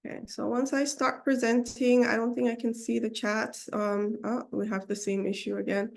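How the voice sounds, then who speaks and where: Her voice is a little high, darkish and flat, with vocal fry at a moderate pace. She's a Somali-speaking community presenter from Seattle, getting over a cold and giving an online webinar via video call. She hesitates often, saying um a lot and restarting phrases.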